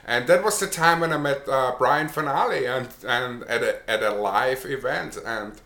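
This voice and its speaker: A middle-aged online marketer with an Austrian accent tells his own story casually to the camera. His mid-range voice is pushed and bright at normal speed, with a roomy sound, and he's chatty, repeating words and restarting with many uh's and other fillers.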